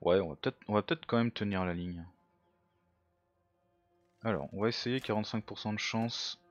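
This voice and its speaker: A man with a lowish voice talks through his game in a loose, thinking-aloud way, dropping into quiet mutters as he weighs each move. The sound is dull and lo-fi, with faint game music underneath. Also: normal speed, no room sound. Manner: self-mocking. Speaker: let's play gamer. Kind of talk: casual game commentary.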